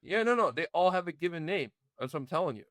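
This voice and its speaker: A man's voice: a little high, animated, fast, a bit bright, dry recording. A man co-hosting a casual movie review podcast, laughing often and trading jokey asides. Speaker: podcast co-host.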